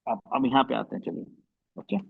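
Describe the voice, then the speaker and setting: A man's voice: medium pitch, very animated, brisk, gravelly, breathy edge, narrow, tinny audio. A man teaching Quran recitation over a video call, explaining patiently, repeating terms and demonstrating the sounds. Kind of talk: online class lesson.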